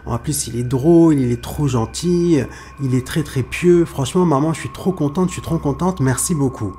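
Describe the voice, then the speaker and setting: A man's voice: on the high side, normal speed, warm tone, faint music behind, lightly acted. A man voicing a young woman longing to marry. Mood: delighted. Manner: chatty, plain-spoken. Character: young woman, hopeful then heartbroken bride-to-be.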